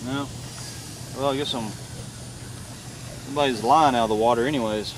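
A man's voice: medium pitch, steady tone, normal speed. Middle-aged man thinking aloud outdoors. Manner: matter-of-fact, thinking aloud while working. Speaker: vlogger magnet fishing. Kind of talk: casual running commentary. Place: outdoors on a lake dock. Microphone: camera mic, filmed from a few feet away. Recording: distant camera mic, loud wind and water noise.

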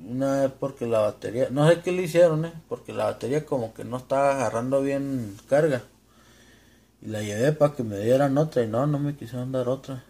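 A home vlogger with a Mexican Spanish accent demonstrates gear in a casual, unscripted way, his medium-pitched voice dark and husky. He's informal and halting, searching for words and dropping in English.

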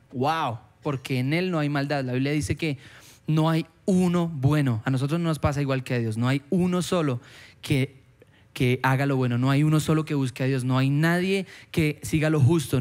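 Animated male preacher voicing quoted lines. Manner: animated, acts out quoted voices with jumps in pitch. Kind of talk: sermon. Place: church.

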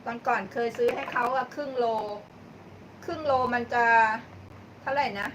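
A high, steady-toned female voice at normal speed belongs to a host cooking on a live stream. Chatting easily with her audience, she thanks viewers by name and laughs often along the way. Background noise is clear in this distant-mic recording.

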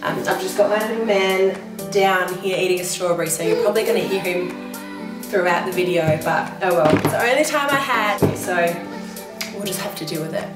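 A woman with a voice hoarse from illness, casually chatting through a beauty product review at home, rambling with many ums. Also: fairly low pitch, a little fast, echoey room, far from the mic, loud music behind the voice. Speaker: beauty vlogger. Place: home room, child nearby.

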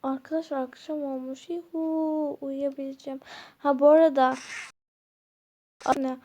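A woman's voice: high-pitched, little pitch movement, unhurried, dark tone, muffled recording. A woman narrating a game to her viewers in a chatty way, groggy as if she has just woken up. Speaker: gameplay vlogger.

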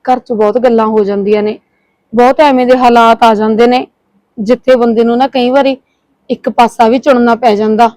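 A woman, playing a young newly married bride who talks softly and anxiously. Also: fairly high pitch, steady tone, normal speed, no room sound, lightly acted. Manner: soft, pleading and worried. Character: young new bride, anxious and put-upon. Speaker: actor. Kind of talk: village short-film acting.

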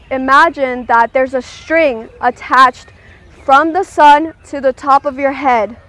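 A woman with a high-pitched voice leads a guided meditation. She gives gentle, soothing instructions and checks in with her listeners.

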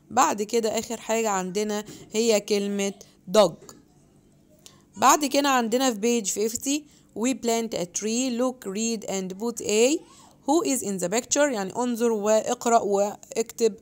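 A young woman with an Egyptian Arabic accent explains an English activity book page by page. She reads the English prompts slowly and carefully and mixes English words into her Arabic explanations. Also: medium pitch. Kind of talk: homework walkthrough lesson.

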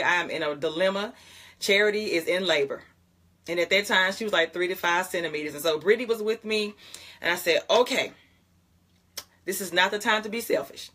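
Her lowish voice comes across bright and forceful. A young woman pastor from Jackson, Mississippi, she's in her home closet for a morning livestream, praying and chatting casually with viewers, laughing frequently and calling them y'all.

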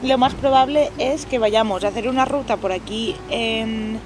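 A woman, chatting to camera as a travel vlogger at an outdoor campsite, lively and chatty. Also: fairly high pitch, normal speed, noisy background. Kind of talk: casual chat to camera. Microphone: on-camera mic, selfie framing.

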